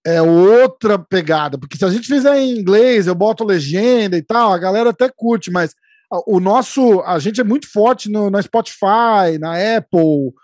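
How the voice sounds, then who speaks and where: Male podcast host, Brazilian accent, very lively intonation, slangy casual chat, dry sound. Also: high voice, moderate pace, no echo. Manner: informal, slangy, sweary.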